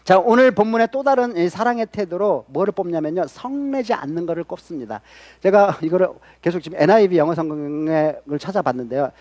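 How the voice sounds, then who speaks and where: A pastor preaches in a high, fairly bright male voice, close to the mic in a dry sound with no room echo. He keeps turning to his listeners with questions. When he acts out an angry outburst, his voice jumps up and gets louder. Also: lively intonation, brisk. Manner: earnest preaching with rhetorical questions to the congregation. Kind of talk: sermon.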